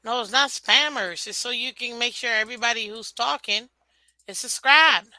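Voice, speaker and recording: Female guest co-host, sassy and insistent, high-ish and sharp-toned, dry close audio. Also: moderate pace, dry recording. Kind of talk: casual chat.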